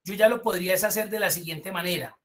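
A woman's voice: fairly low pitch, fast talker. A woman teaching a spreadsheet course online, explaining step by step and praising her students.

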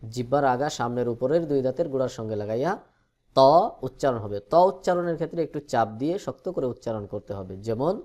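A man teaching Quran reading, explaining letter sounds patiently and slowly stretching out each letter as a drill. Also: medium pitch, expressive, warm tone. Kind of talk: recorded lesson on letter pronunciation.

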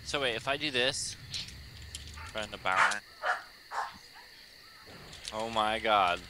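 Speaking slowly in a fairly low voice, this man chats casually during gameplay, throwing crude, teasing jabs at friends as they play an online game together in a let's play group. Faint noise, insects and game ambience sit in the background.

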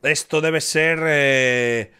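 Man from guessing aloud, slightly high. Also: steady tone, very slow. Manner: thinks aloud, repeats guesses, cheers himself on. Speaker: streamer reacting to a quiz. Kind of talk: casual reaction commentary. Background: quiz background music.

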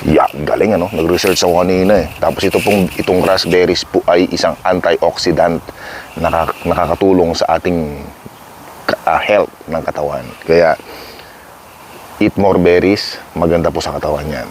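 A deep-voiced man from the Philippines chats to his viewers while wandering his backyard, rambling and poking fun at himself with frequent chuckles. He is close on a clip-on microphone, with a faint outdoor hiss behind him. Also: fairly even intonation, normal speed. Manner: rambling, self-mocking, chuckles often. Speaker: vlogger. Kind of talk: casual chatty vlog addressing viewers.

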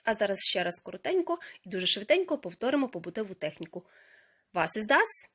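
A woman gives a language lesson at a medium pitch. She explains grammar in careful steps. Each foreign word is repeated slowly and distinctly so listeners can follow. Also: very animated, fairly bright tone, slightly rough. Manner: slow, careful pronunciation of foreign words. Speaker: language teacher. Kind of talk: teaching a lesson.

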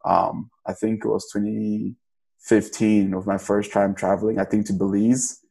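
A man's voice: on the low side, flat delivery, a little slow, vocal fry, dark tone, breathy edge. A young man from Cameroon, a podcast guest, talking casually in a loose, rambling way with many restarts. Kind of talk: casual interview.

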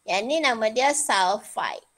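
A middle-aged chemistry teacher with a Malaysian Malay accent gives an informal online lesson from indoors over a video call. Her fairly high voice is a bit bright, with lively intonation and a slow pace, and she's chatty, repeats points, and mixes in English terms.

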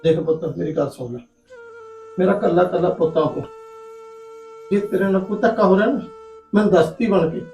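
An actor playing a worried older village father who pleads gently with his daughter, speaking Punjabi with a local accent. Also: sits high, brisk, vocal fry, pauses often. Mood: pleading. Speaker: father-in-law, father of the bride. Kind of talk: short film drama acting. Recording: roomy sound with soft music behind.

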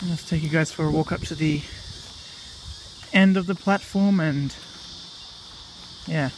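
A man's voice: fairly high pitch, a little slow, rough recording. Chatty Australian guy filming a walk. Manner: chatty, relaxed, with fillers and "righto". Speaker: vlog host. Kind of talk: casual walking vlog narration. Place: outdoors on a disused railway platform in a park. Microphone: handheld camera mic while walking. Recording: outdoor camera audio with clear insect noise.

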